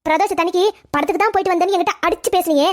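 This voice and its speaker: A woman voicing a quarrelsome, defensive middle-aged mother in a cartoon family drama, talking fast and pleading. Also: no echo, studio quality. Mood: accusing. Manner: rapid, shrill, pleading and quarrelsome.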